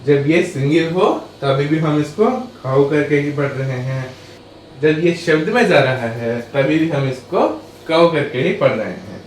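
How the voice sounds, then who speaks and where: Guy teaching a class, asks stuff then answers it himself, kinda high voice, far off mic in a really echoey room. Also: a little slow, a little hiss or hum. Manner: asks questions then answers them, repeating phrases. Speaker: English teacher. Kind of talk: classroom lesson with question and answer.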